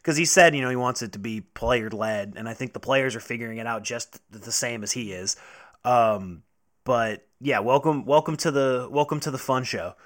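A man's voice: medium pitch, normal speed, fairly bright tone. A male co-host of a sports talk show with a mid-range voice. He is blunt and teasing, and rattles off stats while arguing his point.

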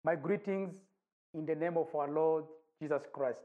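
A man, an evangelist giving a measured recorded sermon. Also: fairly high pitch, dark tone, faint music behind. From Rwanda. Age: 40s. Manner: measured, deliberate preaching with long pauses. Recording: dull lo-fi recording.

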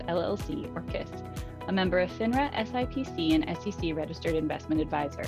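A low-voiced woman reads a scripted legal disclaimer as a formal announcer. Her delivery is measured, and music plays clearly underneath her.

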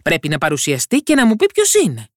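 A woman's voice: deep voice, sing-song, dry recording, clean studio sound, voice pushed up, full character voice. A woman voicing a proud fairy-tale king who gives orders and asks questions with authority. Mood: commanding.

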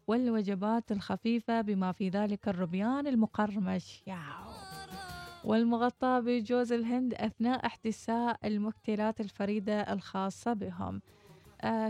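Mellow woman presenting on radio. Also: mid-range voice. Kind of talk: sponsored competition read on radio.

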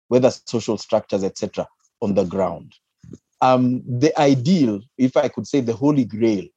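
A man's voice: mid-range voice, dark tone, husky, dry recording. A man with a Kenyan accent speaking as an interview guest, explaining his views emphatically and repeating phrases for stress. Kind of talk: spoken interview, explaining and opining. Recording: dull, muffled lo-fi audio.

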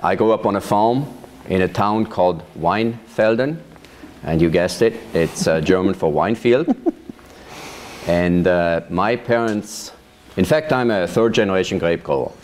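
A man, recounting his life in a measured, storytelling way during an oral history interview. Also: low-pitched, darkish tone, slight background noise. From Switzerland. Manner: measured storytelling with occasional laughs. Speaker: interviewee, vineyard manager. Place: his farm.

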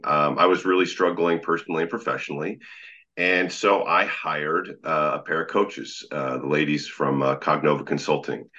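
A man with an extremely low, magnetic voice that still has a bright, forceful edge. He speaks conversationally, telling stories as an interview guest. The recording is slightly dull and lo-fi. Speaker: podcast guest, leadership coach.

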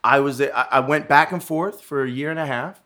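A man's voice: on the high side, a little fast, bright, forceful tone. A man in casual conversation, rambling through a story with lots of swearing and restarts. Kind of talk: casual chat.

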